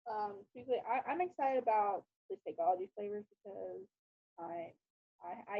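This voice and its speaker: A woman's voice: fairly high pitch, gravelly, slightly rough, no room sound. A woman casually presenting on a video call to her team, hesitant and full of fillers. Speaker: presenter of an online team meeting. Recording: tinny phone-like call audio.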